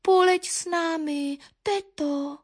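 A woman doing a chirpy little titmouse girl. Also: fairly even intonation. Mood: eager, pleading. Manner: high eager pleading chirp. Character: small chirpy young female titmouse.

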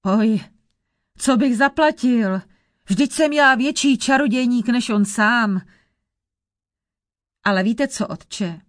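Woman reading cocky young shapeshifter lad, lively, fairy tale. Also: fairly high pitch, pauses often, no echo, clean studio sound, close to an everyday voice. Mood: boastful. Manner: boastful, lively. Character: clever bold young son, a shape-shifter.

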